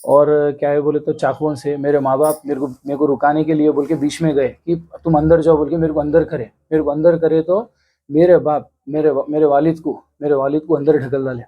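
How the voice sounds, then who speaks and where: A man in his thirties with a Hyderabadi accent, giving an earnest, halting news interview. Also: fairly high pitch, level tone, narrow, tinny audio. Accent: Hyderabadi Hindi. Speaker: interviewee, complainant. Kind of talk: news interview, recounting an attack.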